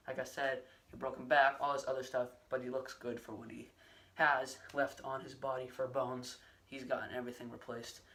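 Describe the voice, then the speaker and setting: Young guy rambling on about his team, fast and loose with lots of ums, mic a bit far off. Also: mid-range voice, a bit bright. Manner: rambling, fast, many fillers and restarts. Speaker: sports vlogger. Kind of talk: casual solo sports recap.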